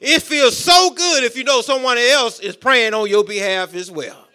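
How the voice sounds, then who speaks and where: High, bright-voiced preaching man. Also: normal speed. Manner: rhythmic, repetitive preaching with call-outs to the congregation. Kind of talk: sermon.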